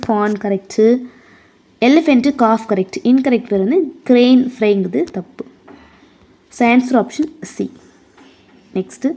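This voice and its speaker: A woman with a Tamil accent and a warm, fairly high voice leads an exam prep lesson. She reads the English questions slowly, then explains them in rapid Tamil.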